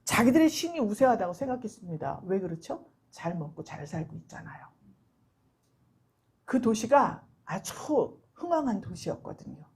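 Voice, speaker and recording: A woman pastor giving a sermon in a church, telling the story with lively quoted voices. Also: medium pitch, normal speed, breathy edge. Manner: storytelling, acts out quoted voices with rising emphasis.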